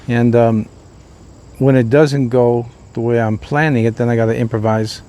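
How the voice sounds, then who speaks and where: A man's voice: mid-range voice, darkish tone. An older man, a pastor, giving an informal devotional talk, rambling and folksy with many fillers and restarts.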